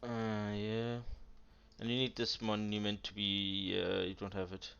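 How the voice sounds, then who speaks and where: A man's voice: fairly low pitch, monotone, unhurried, gravelly, fairly bright tone, smooth. Blunt man critiquing a strategy game. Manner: blunt, exasperated critique with frequent fillers. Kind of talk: casual commentary over gameplay. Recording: dull lo-fi mic with keyboard typing behind.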